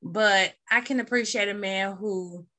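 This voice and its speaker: A woman co-hosting a casual chat about a reality dating show, opinionated and animated, acting out what people said. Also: medium pitch, a little slow, over a noisy crowd. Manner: animated, opinionated, acts out quotes.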